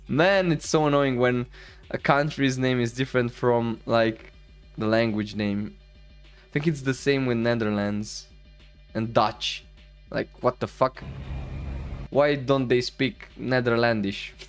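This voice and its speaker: A young man from the Balkans chatting casually on a stream over vlog footage, rambling with lots of fillers and laughing easily. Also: mid-range voice. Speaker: streamer host.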